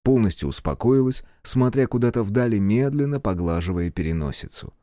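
A man narrating a novel chapter as an audiobook in steady storytelling. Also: fairly low pitch, brisk, no echo, studio quality.

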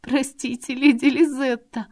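A woman's voice: high voice, flat delivery, unhurried, a little mellow, voice pushed up. A woman reading an audiobook voices a frightened young woman who pleads and whimpers through tears. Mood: tearful pleading.

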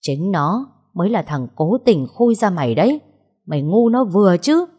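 A woman's voice: lowish voice, expressive, moderate pace, slightly rough. A woman voicing a furious older official father. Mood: furious scolding. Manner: shouting, scolding harshly. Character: furious older male vice chairman, domineering father.

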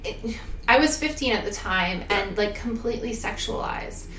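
A woman's voice: on the high side, expressive, normal speed, fairly bright tone. Bubbly Valley Girl voice, young woman. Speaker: podcast guest. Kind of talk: casual chat. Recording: echoey room, faint background noise.

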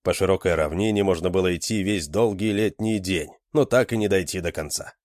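A man reading an audiobook aloud, with lively, expressive storytelling into a close mic. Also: deep voice, fairly quick, no room sound. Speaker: narrator.

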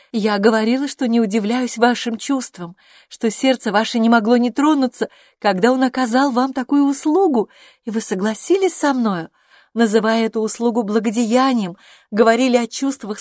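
A poised, clever young gentlewoman voiced by a woman speaks in measured, composed sentences with a slightly raised pitch, recorded dry and close to the microphone. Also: no room sound, natural voice.

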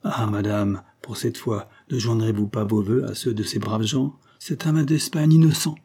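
A man voicing a big, hearty revolutionary leader in an audiobook, with a booming, overbearing voice. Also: steady tone, normal speed, mellow, breathy edge. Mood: boisterous. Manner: hearty, overbearing, tipsy bonhomie. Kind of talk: audiobook character voice.

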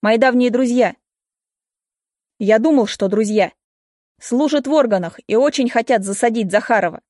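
A woman's voice: a little high, darkish tone, no echo, clean studio sound, natural voice. A woman voicing an anxious young man, the wife's ex-husband, who urgently pleads to be heard. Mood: urgent pleading. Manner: hurried, pleading.

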